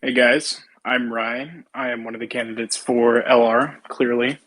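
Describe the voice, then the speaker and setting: A man's voice: mid-range voice, little pitch movement, normal speed, background noise. A young man speaking as a candidate in an online debate, assertive and emphatic in his delivery.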